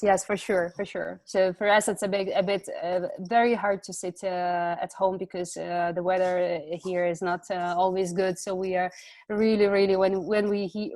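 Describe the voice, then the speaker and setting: A woman's voice: mid-range voice, a little mellow, no echo. Hesitant woman on a video call. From Ukraine. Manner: hesitant, many fillers and restarts. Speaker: community organizer, guest speaker. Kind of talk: casual online talk. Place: home.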